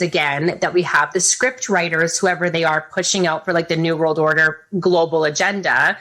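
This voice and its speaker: A woman guest in a casual podcast conversation, chatty and animated, with lots of fillers. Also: sits low. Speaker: podcast guest, news presenter.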